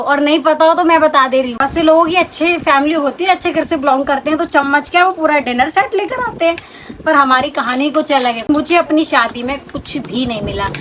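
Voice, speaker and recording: High-voiced chatty young woman. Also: a bit bright, slight background noise, rough recording. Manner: chatty and talkative. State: pregnant. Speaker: vlogger answering viewer questions. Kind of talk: casual chat.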